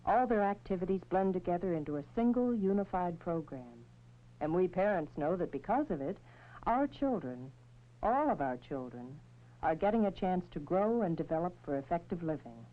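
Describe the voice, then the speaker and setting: An actress playing a thoughtful, worrying mother who narrates a vintage educational film in an earnest, measured, sentimental way. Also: on the low side. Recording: tinny, noisy vintage film soundtrack.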